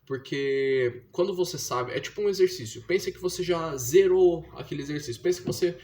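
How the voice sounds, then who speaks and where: A man's voice: fairly high pitch, fairly quick, a little mellow. A young man from Brazil, talking casually and explaining step by step, with slangy fillers. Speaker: vlogger teaching his younger sister to read. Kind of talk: casual slangy monologue to camera.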